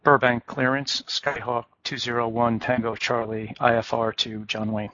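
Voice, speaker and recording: A man's voice: medium pitch, level tone, moderate pace, bright, forceful tone. A man speaking as a pilot, giving clipped radio calls and readbacks. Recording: dull lo-fi radio audio.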